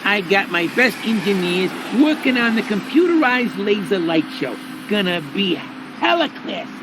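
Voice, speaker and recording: A man's voice: sits high, sing-song, normal speed, noisy background. A man voicing a small, cocky, foul-mouthed rat hustler in a cartoon video game. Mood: pleased. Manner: cocky, gruff slangy talk.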